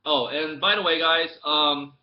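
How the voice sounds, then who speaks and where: Recorded on a laptop webcam mic, a young American vlogger whose first language is English tells a meandering, frequently restarted story, shifting between mumbled asides and loud outbursts. The pitch is fairly high, the pace a little slow, and the recording muffled.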